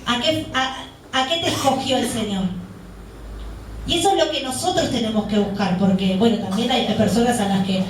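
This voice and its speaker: A woman's voice: a little high, normal speed, slight background noise. A woman deaconess preaching a sermon, often asking the congregation questions and answering them herself. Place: church hall. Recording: very echoey hall, voice picked up from a distance.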